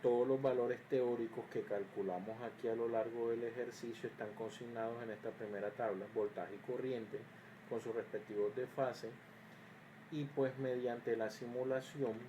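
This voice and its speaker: A man talks through an electrical circuits lesson in a mellow, relaxed voice, stopping on fillers and restarts as he explains. He sometimes drops into a quieter mutter while checking his own work. A faint hiss sits under the recording. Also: medium pitch, moderate pace, low-quality recording. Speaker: engineering teacher.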